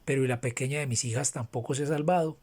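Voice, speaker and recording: A distraught wealthy merchant from an old tale, as a male audiobook reader gives him voice, crying out laments and pressing fearful questions. His pitch sits at an ordinary middle height, close to the reader's own. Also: fairly even intonation, fast talker, a little mellow, husky, lightly acted. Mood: anxious. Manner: wailing laments and anxious questions.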